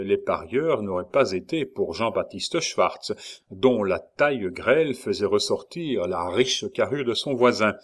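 A man narrating an audiobook in a measured, literary reading voice. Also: medium pitch. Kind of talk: scripted narration.

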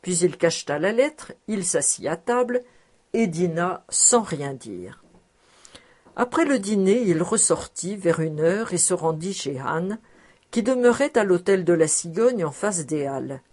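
A woman reading a classic novel aloud as an audiobook narrator, in a clear and measured storytelling manner. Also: lowish voice, animated, darkish tone. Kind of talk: scripted literary narration.

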